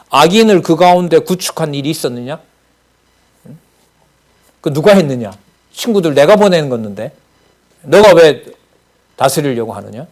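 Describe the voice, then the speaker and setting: A man's voice: fairly high pitch, a little mellow. A male pastor preaching a Bible sermon in a conversational way, asking the congregation rhetorical questions and acting out short dialogues.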